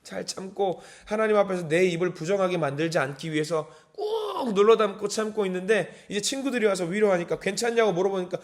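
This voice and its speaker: A high-voiced man preaches an early-morning sermon in a church. He drops to hushed, slow phrases, then rises to impassioned calls. The pitch sits well above most men's. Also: lively intonation. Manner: impassioned, swings from hushed to crying out. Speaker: pastor. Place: church sanctuary.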